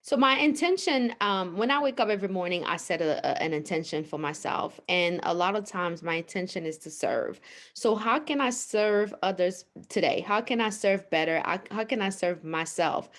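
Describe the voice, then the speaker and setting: A woman's voice: mid-range voice, lively intonation, normal speed, a bit bright. A woman from Haiti, a naturopathic physician, answering interview questions in an earnest, explanatory way. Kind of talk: podcast interview.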